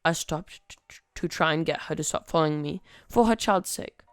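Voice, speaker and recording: Gravelly, wry podcast storyteller. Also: mid-range voice, fairly quick, fairly bright tone, no echo, clean studio sound, soft background music. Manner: wry, conversational narration. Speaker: podcast host reading online posts. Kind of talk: story reading.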